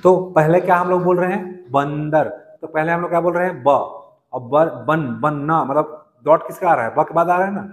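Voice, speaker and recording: A male teacher with a Chhattisgarh Hindi accent lectures in a coaching classroom, his fairly high voice asking the class questions and answering them himself. The sound trails off in a long reverb around the room. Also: steady tone, moderate pace.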